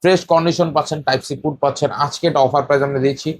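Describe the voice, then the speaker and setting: A man with a Bangladeshi Bengali accent, a shop seller rattling off phone specs and offer prices in a rapid sales pitch. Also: steady tone.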